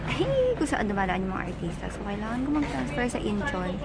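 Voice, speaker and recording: A young woman with a Filipino accent and a husky voice, chatting excitedly to her phone camera as she travels through airports. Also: medium pitch, fairly quick. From Philippines. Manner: chatty, excitable, mixes English into Tagalog. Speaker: travel vlogger. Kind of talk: casual travel vlog. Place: airports, in and out of doors. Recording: loud airport and traffic noise.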